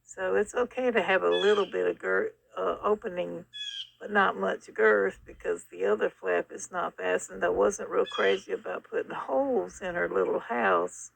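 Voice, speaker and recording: An older woman with a gravelly, hoarse voice and a sore throat, chatting casually in a rambling, folksy, blunt way. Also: mid-range voice, normal speed. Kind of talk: casual update about a rescued stray kitten. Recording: faint noise, muffled at times by mask.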